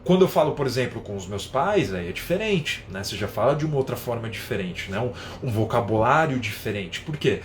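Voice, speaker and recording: A man teaching in a live online lesson, explaining with everyday examples and often adding a quick tag question. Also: mid-range voice, expressive, a little hiss or hum. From São Paulo, Brazil. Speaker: English teacher.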